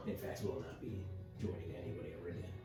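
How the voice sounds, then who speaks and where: A man's voice: low voice, level tone, fast talker. A man playing a tabletop game in easygoing, jokey talk. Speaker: player. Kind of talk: casual tabletop play. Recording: echoey room, far from mic, music behind.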